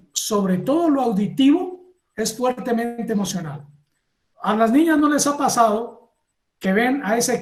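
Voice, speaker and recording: A man giving a university lecture, lively, acting out little scenes and asking the class if they follow. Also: high-pitched, echoey room. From Colombia. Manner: animated, acts out little scenes and asks the class for agreement.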